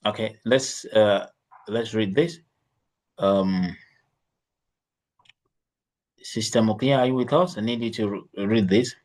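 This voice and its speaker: A man's voice: lowish voice, takes it slowly, long pauses, darkish tone. Patient male Arabic teacher. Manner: patient, repeats phrases, coaches pronunciation. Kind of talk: online class instruction.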